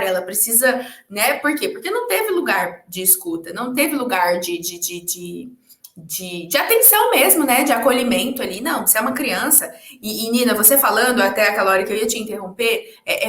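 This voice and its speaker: Animated woman in echoey room. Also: on the high side. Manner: expressive, stammers and repeats words, quotes herself. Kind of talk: animated casual conversation. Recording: roomy echo.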